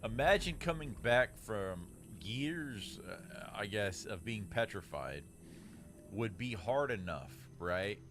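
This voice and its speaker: A man's voice: lowish voice, lively intonation, takes it slowly, music in the background. A man giving casual, laid-back, informal commentary as he plays a video game. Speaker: gamer commentator.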